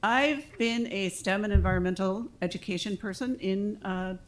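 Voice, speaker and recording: A woman's voice: medium pitch, moderate pace. A woman speaking off the cuff at a public meeting microphone, hesitant, with many ums and restarts.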